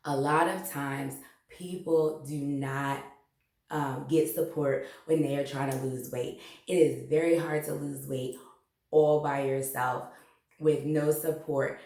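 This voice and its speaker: Slow, earnest woman with a low voice. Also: mellow, roomy sound. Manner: slow, earnest, faith-filled. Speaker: health educator. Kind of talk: motivational health talk.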